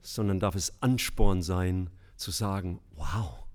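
A middle-aged man preaching a sermon in a lively, emphatic way, with humorous asides. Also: lowish voice, normal speed.

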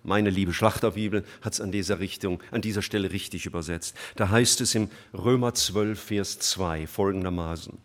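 A man preaching an emotional sermon to a congregation, earnest and rising to fervent emphasis, reading scripture slowly. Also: deep voice.

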